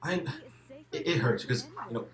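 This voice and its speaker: A man's voice: normal speed, echoey room. A man who is a guest in a casual game discussion, repeating words as he restarts and swearing emphatically.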